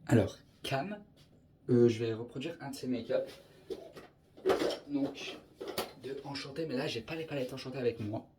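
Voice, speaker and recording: A young man rambles through a casual makeup tutorial, his voice sitting at an ordinary middle pitch. He keeps slipping English filler words into his chat. Faint background noise sits under the recording. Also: moderate pace, long pauses. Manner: chatty, scattered, peppered with English filler words. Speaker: makeup vlogger.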